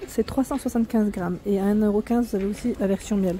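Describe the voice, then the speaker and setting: A woman walks the aisles of a discount food store with a handheld phone camera, listing prices and pack sizes in a chatty, easygoing way. Her voice sits at an ordinary middle pitch with a warm, mellow tone. She stops now and then to fix a price she misread. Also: steady tone, fast talker. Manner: chatty, reads out prices and weights, corrects herself. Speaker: vlogger showing store prices. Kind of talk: walk-through shopping vlog.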